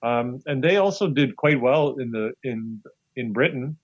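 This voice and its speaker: A man with a mid-range voice and lively intonation talks a little slowly as a casual interview guest, telling anecdotes and acting out what people said. The recording is dry, slightly dull and lo-fi.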